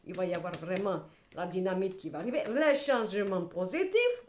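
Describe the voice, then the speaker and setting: A woman's voice: mid-range voice, normal speed, slight background noise. A middle-aged woman gives a tarot reading to camera in a blunt, salty, chatty way. Her voice swoops up and down a lot. It sounds roomy and echoey, as if she is recording in a bare room at home. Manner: animated, blunt and salty, with repeated "hein" and "voilà". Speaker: tarot card reader.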